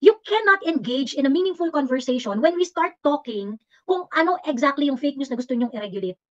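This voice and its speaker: High-pitched Filipino woman on a combative livestream. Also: expressive, brisk. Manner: combative, mixes English into Filipino, teasing and scolding. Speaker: livestream host. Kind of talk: casual livestream commentary. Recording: slightly dull lo-fi audio.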